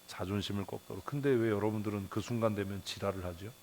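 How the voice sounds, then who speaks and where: A male pastor preaching a Bible devotional in a blunt, colloquial way, firing rhetorical questions, muttering curses and chuckling, his pitch jumping up at times. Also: steady tone, fast, darkish tone, slight background noise. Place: church.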